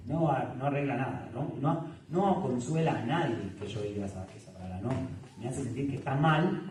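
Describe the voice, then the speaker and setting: An Argentine family psychologist with a Rioplatense accent and medium pitch leads a lively church workshop built around a Bible story, joking, laughing, and often asking "¿sí?". His mic sits far off in an echoey church hall with slight background noise.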